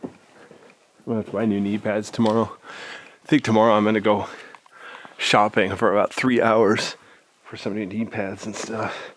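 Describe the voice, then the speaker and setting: Low-voiced man guiding through a cave, noisy recording. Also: flat delivery, normal speed, pauses often. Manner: laid-back, instructive cave-guide talk. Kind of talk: casual on-the-move vlog narration. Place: inside a large cave. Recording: clear noise, clicks, inside a cave.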